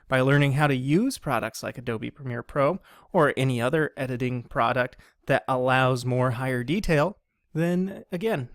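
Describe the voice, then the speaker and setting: A man hosting a training video in a slightly high voice, slowing down and enunciating each word with care. He sounds close to the mic, and the dry recording has almost no room sound. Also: dry recording. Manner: slow, deliberately enunciated presenting voice. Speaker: instructional video host. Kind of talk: scripted training tutorial.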